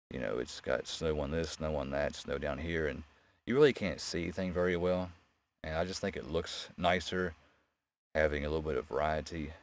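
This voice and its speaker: Very deep-voiced man, low-key and casual. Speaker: game developer presenting an update. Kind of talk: casual unscripted screen-share commentary. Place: indoors beside a gaming laptop. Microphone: new microphone near a laptop.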